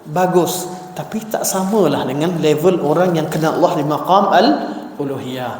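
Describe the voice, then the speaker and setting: A high-pitched Malaysian Malay man preaches in a mosque prayer hall, animated and rhetorical as he acts out heartfelt prayers and quotes. His voice rings through a very echoey room with a long reverb tail. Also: moderate pace, a little hiss or hum. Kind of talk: mosque religious talk.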